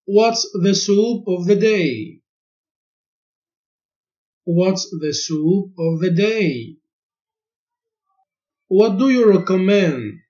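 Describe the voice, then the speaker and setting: Slow, deliberate man drilling phrases. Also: sits high, expressive, mellow. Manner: each phrase spoken twice, clearly and deliberately. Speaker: language teacher. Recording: dull lo-fi recording.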